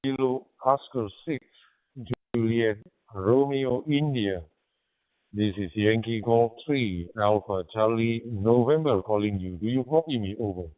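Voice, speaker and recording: A man's voice: mid-range voice, measured pace, dry recording. A man making an amateur radio call, his digital radio signal breaking up as he speaks hesitantly with fillers. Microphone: digital radio over a hotspot. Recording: tinny narrow radio line.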